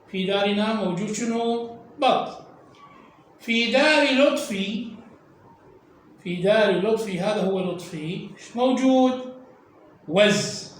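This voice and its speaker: High-voiced Iraqi man teaching slowly. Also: far from the mic, slight background noise. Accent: Iraqi Arabic. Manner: slow, drawn-out syllables, repeating sounds for learners. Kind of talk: children's reading lesson. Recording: echoey room, voice from off mic.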